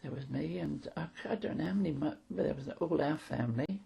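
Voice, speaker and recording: Gravelly old London woman, very husky. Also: deep voice, a little fast, dark tone. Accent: London English. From London, England. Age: 80s. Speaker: interviewee. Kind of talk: casual reminiscence of wartime childhood.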